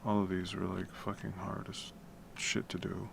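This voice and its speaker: In a late-night stream from his home room, a music composition streamer chats while working, his deep baritone gravelly and his pace moderate. He rambles in a relaxed way, swears casually and keeps his voice down to limit noise. Typing and background noise are noticeable.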